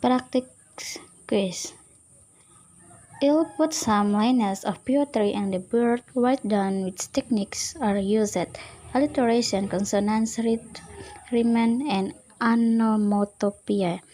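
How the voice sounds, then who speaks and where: A woman giving a student class presentation, reading slowly and hesitantly from her notes with small fillers. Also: medium pitch, mellow, rough recording.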